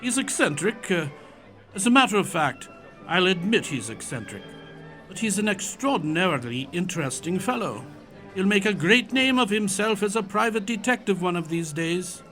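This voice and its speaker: Genial elderly Victorian doctor played by a man, courtly storyteller for audio theatre, high-set and lively pitch. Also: moderate pace, faint music behind, full character voice. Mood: earnest. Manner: courtly, old-fashioned turns of phrase. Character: genial elderly Doctor Watson reminiscing, Victorian English gentleman.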